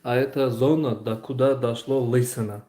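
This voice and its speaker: A man's voice: medium pitch, steady tone, normal speed, dark tone. A man hosting a livestream, chatting casually as he promotes hair transplants. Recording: faint background noise.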